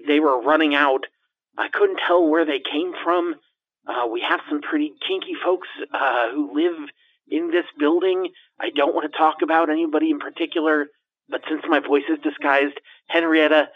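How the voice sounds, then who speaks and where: A man playing a nervous, gossiping building landlord who stammers and rambles conspiratorially, his voice run through a muffled disguise filter for a comedy podcast. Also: fairly high pitch. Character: jittery gossiping male building landlord in hiding. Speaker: interviewee. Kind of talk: improvised comedy podcast parody.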